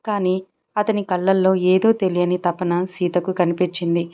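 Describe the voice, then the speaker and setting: A woman reading a romantic short story aloud in a calm, even narrating voice. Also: lowish voice, normal speed. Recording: dull lo-fi audio.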